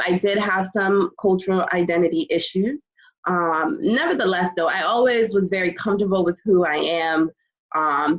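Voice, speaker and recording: Female guest from Connecticut, calm and slightly tired, low voice, muffled recording. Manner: calm, thoughtful, many ums. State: a little tired. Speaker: podcast guest. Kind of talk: relaxed interview talk. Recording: dull lo-fi sound.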